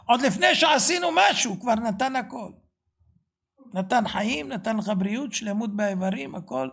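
Fervent religious teacher, male, gravelly voice, keeps asking the listener questions and suddenly raises his voice. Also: very high-pitched, lively intonation. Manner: fervent, rhetorical questions, sudden shouted bursts. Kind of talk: Torah sermon.

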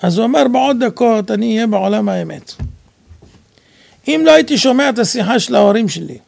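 A man giving an animated sermon, telling stories and acting out dialogue, sometimes rising to shouts. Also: high voice, gravelly, no echo. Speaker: rabbi preacher.

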